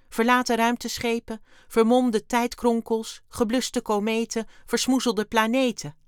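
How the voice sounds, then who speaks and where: A woman's voice: fairly high pitch, clean tone, dry recording, studio quality, pitched above the performer's own voice, natural voice. A woman reading a children's story aloud, voicing a cheerful, small, hairy blue alien with chirpy, odd turns of phrase.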